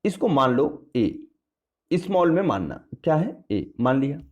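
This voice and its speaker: A male English tutor teaches a poetry lesson in classroom style, repeating points, asking and answering his own questions, and addressing students familiarly. His voice is a little high and very animated, at a measured pace.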